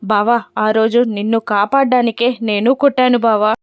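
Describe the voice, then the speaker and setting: A devoted young wife, voiced by a woman retelling a TV serial, pours out affection in a teasing, pleading way. Her voice sits fairly high and sounds dry and close. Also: fairly even intonation, normal speed, smooth, no room sound, highs cut off, close to an everyday voice. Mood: tender.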